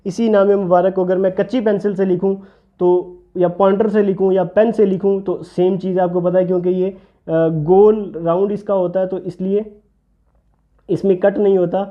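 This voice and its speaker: Patient male calligraphy teacher, dull sound. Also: little pitch movement. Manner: patient, explains while writing, drops low for "see this". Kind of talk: step-by-step handwriting lesson.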